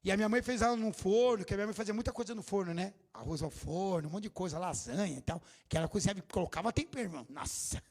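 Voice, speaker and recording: High-voiced Brazilian preacher, scolding and joking. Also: male voice, quick pace, hardly any pauses. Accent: Brazilian Portuguese. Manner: jokey, scolding preacher who bursts into shouts. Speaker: pastor. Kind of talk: sermon. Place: church hall.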